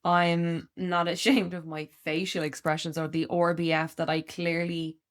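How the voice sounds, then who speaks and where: Podcast co-host, woman in her thirties, loud giddy delivery, slightly low voice, laughs a lot. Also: level tone, moderate pace. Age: 30s. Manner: candid, laughs often, acts out quoted voices. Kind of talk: casual chat.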